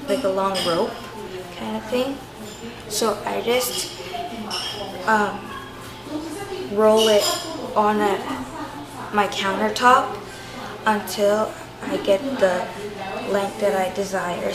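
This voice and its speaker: Slow, chatty woman explaining her baking. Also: mid-range voice, echoey room, rough recording. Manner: chatty, loose, full of "like" and "so". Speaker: home cooking vlogger. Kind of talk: casual step-by-step cooking demonstration. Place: home kitchen countertop, indoors.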